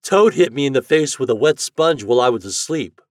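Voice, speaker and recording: A man reading a story aloud, voicing a boisterous boy who teases his brother, in a raised, loud voice. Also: medium pitch, expressive, fairly quick, dry recording, studio quality, voice pushed up, close to an everyday voice. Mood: teasing. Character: teasing boy, playful and stubborn.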